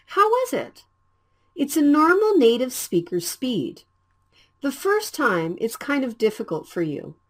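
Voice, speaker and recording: Slow, lively-voiced woman teaching English. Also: a little high. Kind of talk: scripted language lesson.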